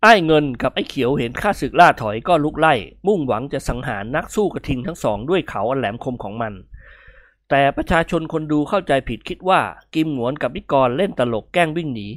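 A man narrating a comic story aloud in a lively, expressive reading. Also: a little high, brisk, no echo, studio quality.

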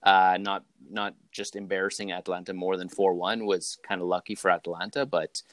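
A young man from Canada hosting a laid-back podcast, his voice pitched low and deep. He talks loosely and rambles, filling pauses with ums and uhs. The recording sounds dry and close. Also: dry recording. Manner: relaxed, rambling with many fillers. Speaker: podcast host. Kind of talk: casual chat.

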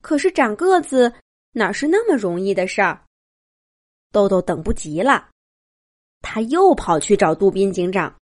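A woman reading a children's story aloud in a gentle, expressive storytelling way. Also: medium pitch, measured pace, long pauses, no echo, studio quality. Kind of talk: bedtime story narration for children.

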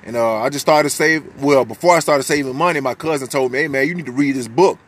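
Hosting his own podcast, this American in his twenties has a deep, husky voice and a quick pace. His monologue is loose and candid, full of swearing and restarted sentences.

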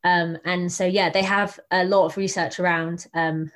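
A woman guest speaker answers webinar questions over a video call, earnest and thoughtful but halting, with frequent ums. Her voice is on the low side and stays fairly level in pitch. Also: steady tone, a bit bright. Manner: hesitant, many ums, earnest.

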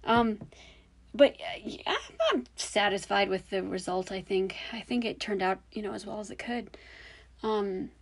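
Musing hesitantly on a casual solo podcast, a woman host fills her talk with many fillers. Her young-sounding voice is medium-pitched, creaky, and a little slow.

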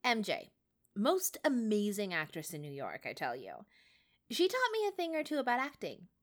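A woman's voice: mid-range voice, wildly swooping pitch, normal speed, pitched above the performer's own voice. A woman voicing Spider-Man as a young man who speaks in a small, stammering, tearful voice while faking distress. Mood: cocky. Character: young man, meek and teary, secretly sly.

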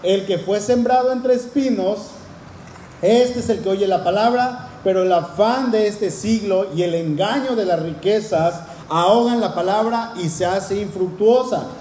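Earnest male preacher, soft warm tone, sermon delivered in a reverberant hall with faint room hum. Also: sits high, a little slow. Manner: earnest, addresses congregation with rhetorical questions. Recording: roomy echoing hall.

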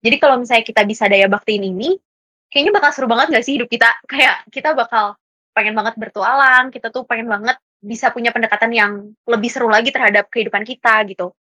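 A woman's voice: a little high, fast talker, sharp tone, no room sound. A young woman chatting casually on a podcast, mixing in English words and laughing often. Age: young adult. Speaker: podcast guest speaker.

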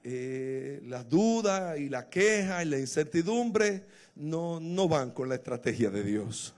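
A man preaching a sermon, retelling a scripture story and rising to emotional shouted exclamations. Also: on the high side, big pitch swings, slow pace.

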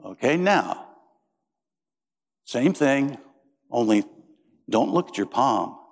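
A middle-aged pastor from Indiana, USA, preaches a sermon in church, folksy and joking as he tells stories. His medium-pitched voice is very animated but slow. The recording echoes with the reverberation of the church sanctuary.

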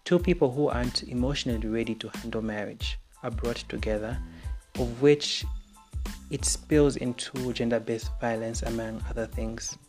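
A man's voice: medium pitch, fairly even intonation, moderate pace, music in the background. A young man from Zambia with a Zambian English accent, hosting an opinion podcast in an earnest, frank, scripted monologue. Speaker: podcast host.

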